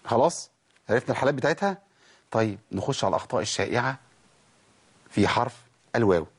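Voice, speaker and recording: An Egyptian man teaching Quran recitation in colloquial Arabic, asking questions and answering them himself, then reciting verse fragments slowly to show mistakes. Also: medium pitch, husky. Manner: lively, asks and answers his own questions, demonstrates verses slowly. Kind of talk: colloquial Egyptian tajweed lesson.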